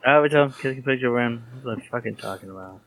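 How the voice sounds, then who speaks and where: A young man co-hosting a podcast, recapping casually with halting restarts and blunt swearing. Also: medium pitch, fairly bright tone. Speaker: podcast co-host. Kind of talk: casual anime recap chat.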